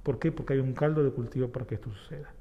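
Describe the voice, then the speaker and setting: A man from Argentina with an Argentine accent, a rabbi guest calmly explaining ideas with everyday examples and parables. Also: medium pitch, very fast, long reverb tail, dull audio. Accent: Argentine Spanish. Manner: reflective, uses homely examples and parables. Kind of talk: explanatory talk-show conversation.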